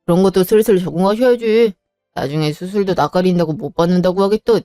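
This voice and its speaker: Cold, curt husband, voiced by a woman; mellow, dark tone, dismissive. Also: on the low side, fast, no room sound, studio quality, faint music behind, natural voice. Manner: curt, refusing.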